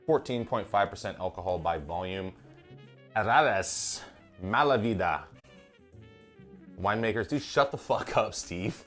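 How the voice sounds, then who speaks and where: A man's voice: lowish voice, expressive, measured pace, pauses often, fairly bright tone, soft background music. A man hosting a home cooking livestream from his kitchen, tipsy on wine and joking around with lots of swearing. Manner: profane, joking banter. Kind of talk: casual cooking stream chat.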